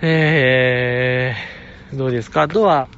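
A man's voice: mid-range voice, fairly even intonation, slow, a bit bright, lo-fi sound, a little hiss or hum. A man with a Kansai accent hosting a casual solo podcast, playfully teasing his listeners and laughing often. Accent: Kansai Japanese. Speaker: podcast host.

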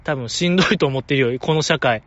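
A man's voice: mid-range voice, quick pace, a bit bright, dry recording, lo-fi sound. A man with a Kansai accent, talking alone as a fan commentator in a playful, joking, exaggerated way. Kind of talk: casual solo talk.

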